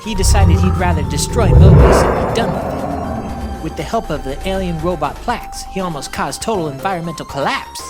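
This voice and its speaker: A woman's voice: fairly low pitch, lively intonation, moderate pace, over loud music, natural voice. A woman voicing a young male hedgehog hero, narrating a scripted recap of his backstory matter-of-factly with wry asides.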